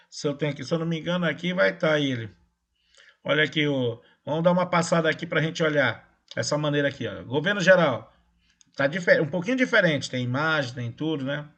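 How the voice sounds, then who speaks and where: Male history teacher, slightly high voice, casual online lecture. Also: a bit bright. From Brazil. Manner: casual, checks in with "tá?" and "né?".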